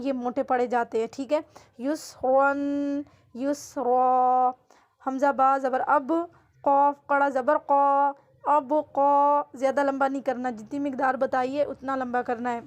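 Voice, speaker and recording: A woman teaching Quran reading, spelling out syllables slowly and dragging them out, then giving quick explanations in a Pakistani Urdu accent. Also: high voice. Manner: slow drawn-out syllables, brisk asides.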